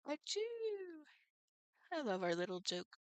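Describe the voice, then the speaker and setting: A middle-aged woman hosting her first livestream, talking to viewers by name and laughing often. Her voice sits fairly low yet sounds bright and smooth, with plenty of gravelly fry. The sound is close and dry. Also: measured pace, no echo. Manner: chatty, laughs often, warm toward viewers. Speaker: livestream host. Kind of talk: casual chat with live viewers.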